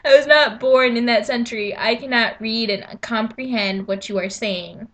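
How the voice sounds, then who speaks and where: A woman's voice: a little high, steady tone, normal speed, fairly bright tone. A teenage girl chatting on a vlog, laughing often and adding playful dramatic asides. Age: teens. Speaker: vlogger. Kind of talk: casual chat.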